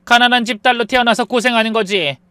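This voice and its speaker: A woman's voice: a little high, quick pace, a bit bright, clean tone, dry recording, lightly acted. A woman voicing a domineering older mother-in-law who talks with scorn and scolds. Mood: scornful. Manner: scolding, contemptuous.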